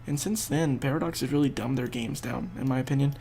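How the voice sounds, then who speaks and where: A young gaming host with a congested voice that's giving out casually thinks aloud as he plays a strategy game and explains it. His voice is medium-pitched, creaky and mellow, and he talks fast, with faint music behind him.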